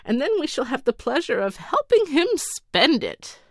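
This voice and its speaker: A woman's voice: high voice, very animated, normal speed, dry recording, clean studio sound, voice pushed up, full character voice. A woman voicing a greedy male courtier who whispers schemingly to a comrade.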